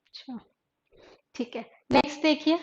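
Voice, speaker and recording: Woman, English teacher, high-ish voice, slow pace, asks and answers her own questions, mixes Hindi and English, dull lo-fi class audio. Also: gravelly. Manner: explains by asking questions and answering them herself; reads poetry slowly and deliberately. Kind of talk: online exam-prep lecture.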